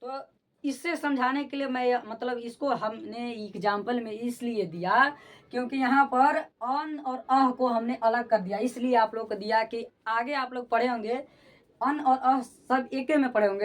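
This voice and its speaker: A woman's voice: a little high, unhurried, recorded from a distance. A woman teaching grammar. She repeats terms and keeps asking whether the students have understood. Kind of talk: classroom-style lesson explanation.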